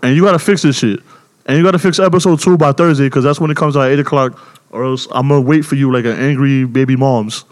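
A man, hosting a casual podcast chat, loud and joking in street slang. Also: mid-range voice, fairly even intonation, fast talker. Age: 20s. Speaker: podcast host.

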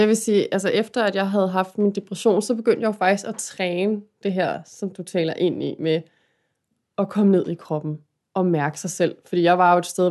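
A woman's voice: mid-range voice, warm tone. Woman host in casual talk, open and confiding. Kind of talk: casual chat.

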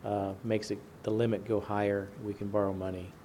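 Man, finance presenter, mellow, plain step-by-step explanation, faint background noise. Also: fairly low pitch, flat delivery, brisk. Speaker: finance official presenting to a board.

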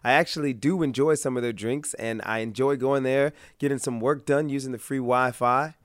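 A man's voice: medium pitch, steady tone, normal speed, no room sound. American guy doing a funny vlog rant, voice kinda shot from a cold, sarcastic, dry close sound. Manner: sarcastic, mock-exasperated. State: hoarse, under the weather from being sick. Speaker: vlog host. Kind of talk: comedic rant to an audience.

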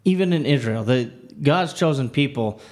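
A man's voice: mid-range voice, animated, darkish tone. Earnest man talking through scripture. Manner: earnest, halting, with many restarts and "you know". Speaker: Bible study podcast co-host. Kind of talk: casual Bible discussion.

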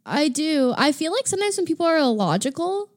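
A woman's voice: high voice, very animated, fairly quick. A woman co-hosting a casual talk show, reflecting thoughtfully and often saying "like". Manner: thoughtful, reflective, says "like" a lot. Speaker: podcast co-host. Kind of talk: casual conversation.

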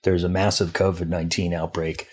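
A foreign news editor appearing as an interview guest gives a long, analytical, discursive answer full of fillers and restarts. His low-pitched, darkish voice moves fairly quickly with a flat delivery.

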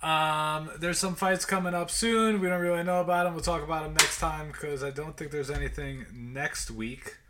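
A man's voice: on the high side, fairly even intonation, moderate pace, few pauses, sharp tone, slight background noise. A man co-hosting a podcast in laid-back casual chat, recorded inside a small closet. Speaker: podcast co-host.

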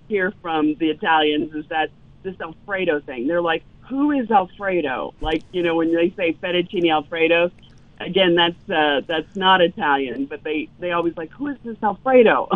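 Telling animated stories full of ums, a Louisiana chef in her fifties guests on a casual interview. Her voice is lowish, and the sound is a tinny, dry phone line from the US South.

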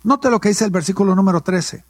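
A man's voice: high-pitched, fast, dry recording, studio quality. A male pastor, preaching a sermon and asking questions that he answers himself. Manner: call-and-response preaching, asks and answers his own questions.

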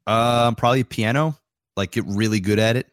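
A man in his thirties co-hosting a casual podcast, talking in a laid-back, drawn-out way with plenty of swearing. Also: medium pitch, fairly even intonation, smooth, dry recording, clean studio sound. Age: 30s. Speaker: podcast co-host. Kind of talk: casual chat.

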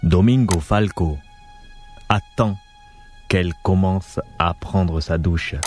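A man narrating a radio drama in a measured storytelling manner, with faint music behind. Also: sits low, darkish tone.

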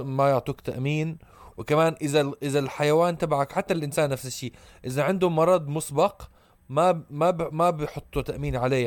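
A man's voice: mid-range voice, dry recording. A man with a Levantine Arabic accent explaining things earnestly in a casual podcast chat, often restarting his sentences. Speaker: podcast co-host.

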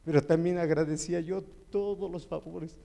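A Mexican man tells his church testimony in a heartfelt, tearful way. His voice sits fairly high for a man but sounds dark and mellow, with a rough, gravelly grain. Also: steady tone, moderate pace. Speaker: church member giving testimony. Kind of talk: emotional personal testimony.

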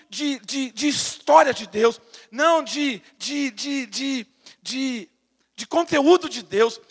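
A man with a Brazilian Portuguese accent preaching a sermon with fervor, swinging from loud to hushed and stammering as he builds his points. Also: very high-pitched, gravelly, in a large hall. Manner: stammers and repeats words while building to a point. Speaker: pastor.

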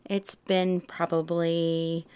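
A woman in her forties with a Southern US twang talks openly in an interview about her time abroad. Her voice is smooth and resonant and sits slightly low, and she laughs easily between her lines. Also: little pitch movement, very slow, a little mellow. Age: 40s. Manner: chatty, laughs often, candid. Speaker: interviewee, high school math teacher. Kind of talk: casual interview.

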